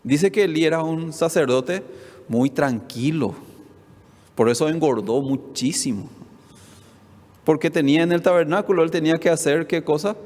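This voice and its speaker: Pastor preaching in a reverberant hall. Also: male voice, a little high, normal speed, long pauses, darkish tone. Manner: preaching with rhetorical questions to the congregation, acting out quoted speech. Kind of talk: sermon. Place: church hall. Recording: long reverb of a church hall.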